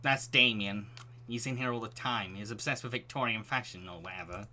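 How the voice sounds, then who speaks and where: A man voicing a bored, hostile young female store cashier in a flat, dismissive drawl. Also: lowish voice, a little fast, a little hiss or hum.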